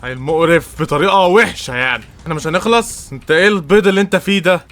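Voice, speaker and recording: A man's voice: on the high side, very fast, noisy background. A young man with an Egyptian Arabic accent, a gaming streamer giving frustrated, trash-talking commentary over gameplay. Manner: frustrated, trash-talking, swears and mocks the opponent.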